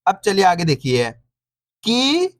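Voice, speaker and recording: A man teaching reading online, sounding out syllables slowly, repeating each word and encouraging viewers as friends. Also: sits high, no room sound, studio quality.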